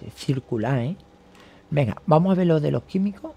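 Gravelly man, agitated vlogger. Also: on the high side, expressive, moderate pace, warm tone, a little hiss or hum. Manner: agitated, rambling, swears often. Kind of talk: casual monologue to camera.

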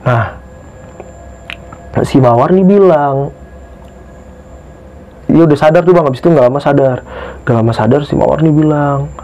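Excitable young man telling a ghost story. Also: normal speed, pauses often. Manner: excitable, pitch jumps when tense, keeps calling the host "Bang". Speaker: guest telling a true hiking ghost story. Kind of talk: casual storytelling interview. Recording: dull lo-fi podcast recording.

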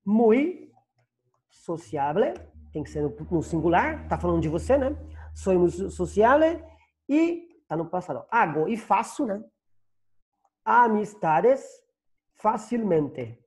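A man's voice: high-pitched, very animated, slow pace, pauses often, darkish tone. A Brazilian Portuguese-accented man teaches a class over a video call, his voice rising and falling a lot as he explains. He goes patiently, repeating and translating every phrase, and the sound comes through a plain computer mic. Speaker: Spanish teacher.

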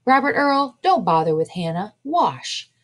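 A woman's voice: mid-range voice, sing-song, unhurried, pitched above the performer's own voice. A woman voicing a firm but caring mother in a read-aloud storybook, close to her own voice. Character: mother of farm-worker family, firm, caring.

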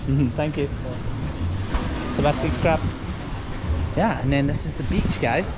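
A travel vlogger strolls down a busy street narrating a casual walking vlog, chatty and upbeat and greeting passersby. His voice is fairly high and a little slow, heard over loud music with street traffic noise behind.

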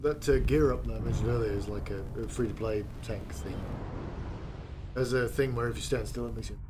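A man co-hosting a casual podcast, relaxed and teasing in his banter. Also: mid-range voice, a little fast. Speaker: podcast co-host. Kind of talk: casual chat. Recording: noisy home recording.

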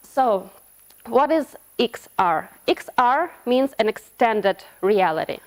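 A Ukrainian web developer gives a talk in a conference hall, speaking slowly and hesitantly, often restarting and breaking off words. Her voice is fairly high and darkish, with lively intonation.

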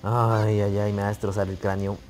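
A man with a Spain Spanish accent giving excitable live commentary on a game he is playing. He swears casually and talks straight to the game. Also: lowish voice, brisk, soft background music. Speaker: gaming YouTuber.

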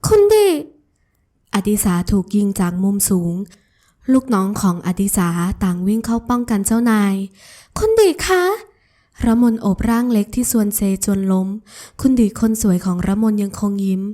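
A woman narrating an audio novel in an even, smooth storytelling manner. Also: mid-range voice, a little fast. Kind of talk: scripted narration.

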